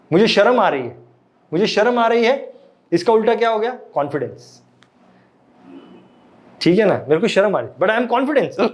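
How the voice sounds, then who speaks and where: A man with a somewhat mellow, high-sitting voice teaches meditation and emotions to a live class. He frequently quizzes his listeners and slips English phrases into his lecture.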